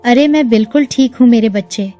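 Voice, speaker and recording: A woman's voice: fairly high pitch, brisk, natural voice. A woman storyteller voicing a loving, ailing older mother who speaks affectionately to her sons. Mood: tender. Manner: affectionate, softly doting. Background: faint music.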